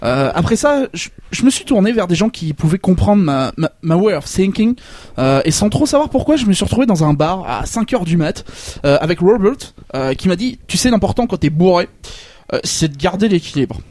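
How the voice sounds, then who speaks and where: A man's voice: high voice, sing-song, a little fast, darkish tone, no echo. A man playing a boastful, greedy manga author with a Belgian accent, stammering through heavy franglais. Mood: bragging. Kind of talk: comic parody interview.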